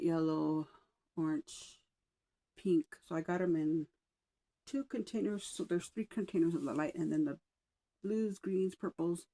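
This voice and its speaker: A woman vlogger chatting casually at home, rambling a little with sighs and soft asides, slightly out of breath. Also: on the low side, rough recording. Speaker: wax melt vlogger. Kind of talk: casual chat. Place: home room with oil diffuser.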